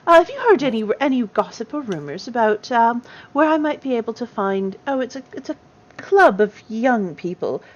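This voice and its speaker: A proper, stubborn grandmother gnome of great age, put on by a woman, speaking with old-fashioned courtesy. Her voice rises and falls in a lively way. The recording sounds dull and lo-fi. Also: a little high, normal speed, pitched above the performer's own voice. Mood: inquiring. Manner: genteel, old-fashioned, calls people dearie. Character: ancient prim grandmother gnome, polite and stubborn.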